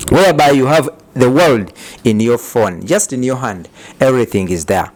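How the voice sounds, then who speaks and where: A man hosting an interview, speaking in a measured, earnest way and often murmuring acknowledgements. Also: mid-range voice, darkish tone. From Uganda. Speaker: talk show host. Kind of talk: interview and closing remarks.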